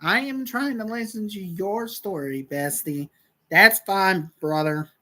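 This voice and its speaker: A woman's voice: medium pitch, slow, pushed and bright, rough recording. A woman hosting a livestream, telling a rambling story with lots of repetition and cursing. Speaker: livestream host.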